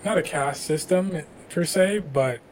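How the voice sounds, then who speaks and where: A man hosting a podcast interview, asking questions in a relaxed conversational way. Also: sits high, measured pace, a little hiss or hum, low-quality recording. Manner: conversational, frequent affirmations. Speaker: podcast host. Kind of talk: casual interview chat.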